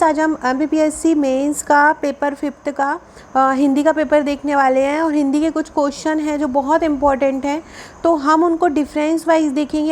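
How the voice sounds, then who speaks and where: A woman's voice: sits high, darkish tone. A woman, teaching Hindi grammar for an exam and explaining step by step, repeating key definitions.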